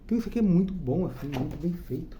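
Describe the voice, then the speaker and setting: A Brazilian man with a Brazilian Portuguese accent, hosting his own channel, talks very fast in a slightly high, warm, animated voice. His casual review of a comic book is chatty and enthusiastic, peppered with tag questions for the listener, and there's a little hiss or hum.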